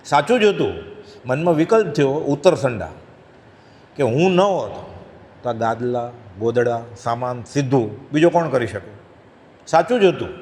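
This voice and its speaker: Heard with long hall reverb, a man with a slightly mellow voice on the high side offers a devotional discourse with storytelling. He narrates a parable and gives the lions in it their own voices.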